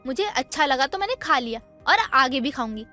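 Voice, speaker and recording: With faint music in the background, a woman voices a dutiful young daughter-in-law in a dramatized moral tale, defensive and indignant as she earnestly explains herself. Her delivery is high-pitched, animated, and fairly quick, with a pushed, bright tone.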